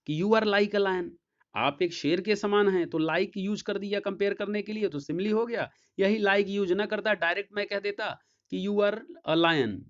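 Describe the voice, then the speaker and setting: A man with a Hindi accent giving an English lesson as a teacher, explaining slowly and checking often that students follow. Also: on the high side. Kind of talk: classroom lecture. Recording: dull lo-fi sound.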